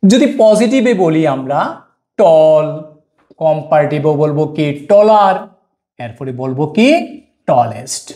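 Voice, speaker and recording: Male teacher giving a classroom lesson. Animated delivery, answers his own questions. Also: a little high. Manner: stretches out the example words slowly. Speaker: English grammar teacher.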